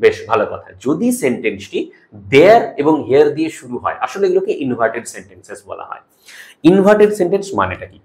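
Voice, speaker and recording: Lively-voiced Bengali grammar teacher. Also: male voice, medium pitch. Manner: explains rules slowly, reads examples out deliberately; mixes English terms into Bengali, asks "ok?" often. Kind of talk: exam-prep grammar lesson.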